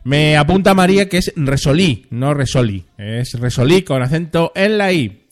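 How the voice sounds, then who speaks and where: A man's voice: a little high, lively intonation, normal speed. A man hosting a casual live stream, reading chat messages aloud and rambling in a chatty way with frequent questioning tags. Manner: rambling, chatty, ends phrases with a questioning tag.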